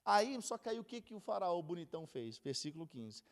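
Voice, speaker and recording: A man's voice: high voice, big pitch swings, brisk. A man with a Brazilian Portuguese accent teaching a casual Bible class, chatty and joking as he goes. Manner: chatty, jokes and laughs while teaching.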